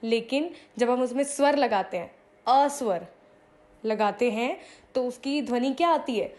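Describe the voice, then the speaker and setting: A woman's voice: fairly high pitch, a little slow, darkish tone. A young woman teaching a grammar lesson to children. She asks the class questions, answers them herself, draws out sounds and repeats key phrases.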